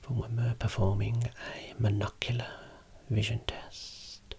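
A voice whispering slowly and softly, showing eye-clinic equipment as an ASMR role-play optometrist. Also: mid-range voice, little pitch movement, vocal fry, breathy edge. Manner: soft unvoiced whispering, explaining slowly.

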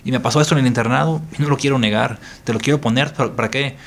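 Earnest gravelly-voiced Mexican priest. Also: male voice, medium pitch, racing, a little hiss or hum. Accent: Mexican Spanish. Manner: earnest, repeating phrases for emphasis. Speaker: priest guest. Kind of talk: reflective interview talk.

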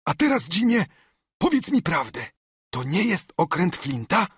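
A man's voice: on the high side, unhurried, breathy edge, no room sound, clean studio sound, voice pushed up, heavily acted. A man voicing a half-mad marooned castaway who is eager, wheedling and keeps repeating himself. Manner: excitable, pleading, repeats himself.

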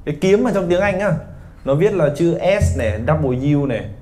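A man from Vietnam in his thirties teaches a live classroom lesson, joking and teasing his students as he goes. His voice sits a little high but sounds mellow and warm. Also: big pitch swings, normal speed, faint music behind. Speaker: English teacher.

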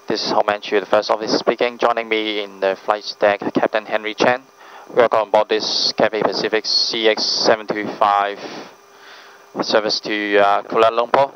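A man speaks as an airline first officer in a low, very even voice. His announcement is formal and halting, heard over a muffled cabin PA. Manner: hesitant, formal. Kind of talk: flight deck announcement to passengers. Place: aircraft PA from the flight deck. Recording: muffled cockpit PA with cabin hum.

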